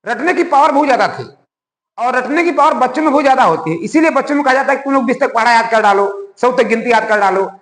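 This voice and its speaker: High-voiced animated teacher. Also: male voice, quick pace. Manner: animated, conversational, asks the class rhetorical questions. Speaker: school science teacher. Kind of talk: classroom lecture. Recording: echoey room with long reverb.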